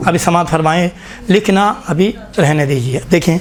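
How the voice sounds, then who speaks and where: A man teaching a classroom lesson on recitation pronunciation, repeating each sound slowly for his students. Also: on the high side.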